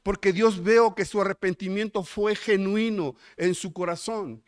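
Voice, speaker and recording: A man's voice: high voice, unhurried. A man with a Mexican accent preaching a sermon, emphatic and full of rhetorical questions to the congregation. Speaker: pastor.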